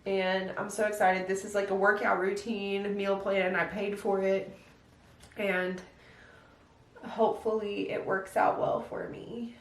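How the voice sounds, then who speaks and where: A young stay-at-home mom talks casually through a get-ready-with-me routine at home, step by step, in a medium-pitched, slightly slow voice. She's chatty and relaxed, saying "like" a lot as she explains each step. The room echoes and she sounds a bit far from the mic.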